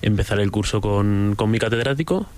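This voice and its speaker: A young violin student from Valencia answers interview questions in a lowish voice. He speaks in a relaxed, plain way, with a faint ambient noise behind him. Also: brisk. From Valencia, Spain. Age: young adult.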